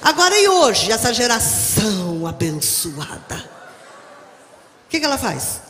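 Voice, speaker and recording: A woman's voice: on the high side, sing-song, measured pace, a bit bright, faint music behind. A middle-aged woman pastor with a Brazilian Portuguese accent, preaching a sermon with humorous stories and speaking directly to the congregation. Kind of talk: sermon with storytelling. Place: church hall. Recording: echoey hall, faint ambience.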